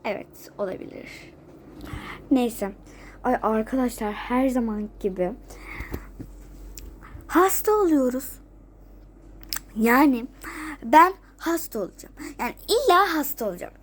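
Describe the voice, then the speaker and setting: At home and freshly out of bed, a teenage girl with a cold talks casually to the camera for her friends, coughing and runny-nosed and going over the same things repeatedly. Her fairly high voice is sing-song and measured, with long pauses.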